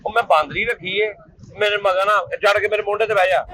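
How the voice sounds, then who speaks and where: A quick, bright-voiced man, sounding irritated and scolding as he plays a comic street sketch. His voice sits high, and the outdoor food stall behind him carries faint noise. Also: poor audio. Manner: irritated, scolding, repeats himself. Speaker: comedian.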